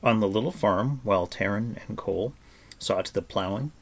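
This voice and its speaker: A man reading a fantasy novel aloud as narrator, in a measured, expressive way. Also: fairly low pitch. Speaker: audiobook narrator. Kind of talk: scripted storybook narration.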